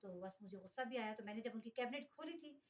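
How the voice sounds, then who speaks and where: A middle-aged Pakistani mother vlogs casually, speaking to her viewers in an exasperated, complaining monologue. Her voice is on the high side, expressive and fast.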